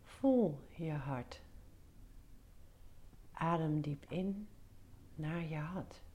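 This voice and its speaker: A woman guiding a meditation in a soft, breathy near-whisper, soothing, giving short instructions with pauses. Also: low voice. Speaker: meditation guide. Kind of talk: guided meditation.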